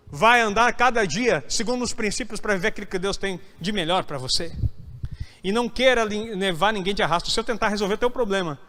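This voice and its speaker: A man's voice: sits high, sharp tone. A man preaching an emphatic sermon as a pastor, now and then acting out whiny church members. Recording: hall reverb.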